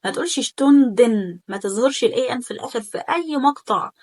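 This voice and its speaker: A woman with an Egyptian Arabic accent teaching German in a chatty online lesson, slowly repeating phrases for practice. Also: high voice, expressive.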